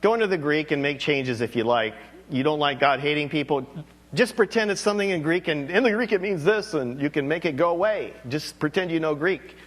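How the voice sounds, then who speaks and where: A man's voice: on the high side, expressive, fairly quick. A man preaching a sermon as pastor, talking candidly and rambling with self-deprecating asides.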